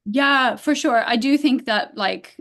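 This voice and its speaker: A Bulgarian woman appears as a guest in a casual interview, speaking animatedly with lots of filler words and quick laughs. Her voice has a fairly high pitch.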